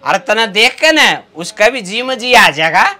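A young man acts out a brash Haryanvi bus conductor in a comedy sketch. His voice is very high for a man and bright, with a forceful edge. He talks in a scolding, sarcastic way, full of mockery. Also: expressive, normal speed, exaggerated voice. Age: young adult. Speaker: comic actor. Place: inside a parked bus.

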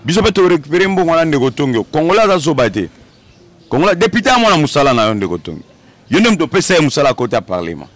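A man's voice: a little high, very animated, fast talker, dry recording. A young man answering as a guest in an outdoor interview on a handheld mic, emphatic and full of repetitions. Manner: emphatic, repetitive, hesitant fillers. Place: outdoor courtyard set.

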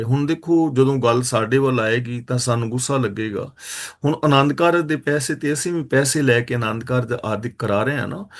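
Man slowly reciting and explaining verses. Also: mid-range voice. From Punjab, India. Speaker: Sikh scripture preacher. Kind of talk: line-by-line scripture exposition.

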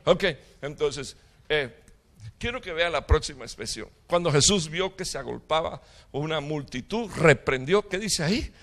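A middle-aged man preaching a sermon as pastor, with impassioned preaching, sudden loud outbursts and jokes with the congregation. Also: fairly high pitch, expressive, normal speed. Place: church hall.

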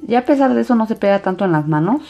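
A woman's voice: medium pitch, expressive, racing, vocal fry, dark tone. A woman narrating a hands-on craft video for children in an enthusiastic, sing-song way. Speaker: host of a slime craft channel. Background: background music.

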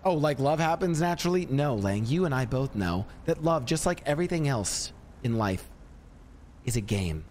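A man's voice: medium pitch, expressive, normal speed, darkish tone, slight background noise. A man in a game roleplay, playing a self-appointed Cupid who teases and coaxes in a playful salesman patter.

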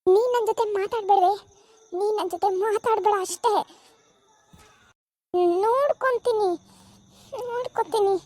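A woman playing a wailing, shrill young wife. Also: normal speed, pauses often, mellow, no echo. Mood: bitter. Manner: sobbing through laughter, shrill outbursts. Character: wailing young wife, rich man's daughter, tricked. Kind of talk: comic village skit acting.

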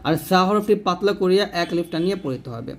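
Male recitation teacher, fairly high voice, patient, repetitive demonstrations. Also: animated, slight background noise. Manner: slow, repetitive, demonstrates letter sounds; addresses viewers directly. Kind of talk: tajweed lesson.

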